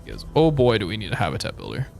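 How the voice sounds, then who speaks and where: A man giving casual live game commentary as a streamer, with playful, slangy, expressive reactions. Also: fairly low pitch, racing, gravelly, faint music behind.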